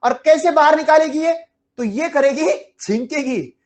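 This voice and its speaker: A woman's voice: high-pitched, unhurried, darkish tone. A woman teaching a biology lecture to exam students, asking questions and answering them herself, and chuckling now and then. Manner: chuckles while explaining. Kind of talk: online exam-prep lecture.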